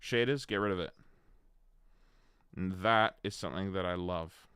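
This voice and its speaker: A man's voice: sits low, normal speed, pushed and bright, clean tone, no room sound, studio quality. A man chatting casually on a gaming livestream, rambling and answering his chat by name. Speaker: streamer.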